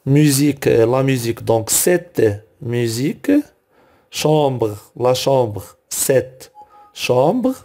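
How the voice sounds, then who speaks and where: Slow, patient male French teacher. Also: medium pitch, animated, mellow. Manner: patient, repeats each word aloud, corrects own slips. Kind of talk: slow explanatory grammar lesson.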